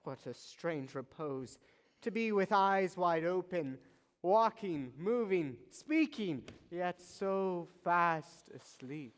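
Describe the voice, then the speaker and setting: A woman playing a sardonic, indolent nobleman in Shakespearean stage style, with theatrical, wry, deliberate delivery. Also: lowish voice, expressive. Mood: wry, teasing. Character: sardonic, indolent nobleman, slowly drawn into a plot. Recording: echoey stage hall with long reverb.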